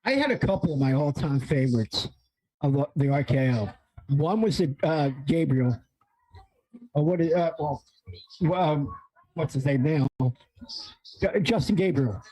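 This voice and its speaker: A man hosting a wrestling watch-along, excitable and rambling, often stumbling and correcting himself, amped up on coffee. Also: a little high, a little slow, pauses often, low-quality recording. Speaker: stream host. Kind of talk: casual watch-along chat.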